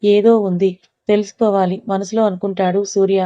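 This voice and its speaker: A woman narrating a story aloud in a steady, plain storybook reading. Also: mid-range voice, moderate pace, no room sound. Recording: dull lo-fi recording.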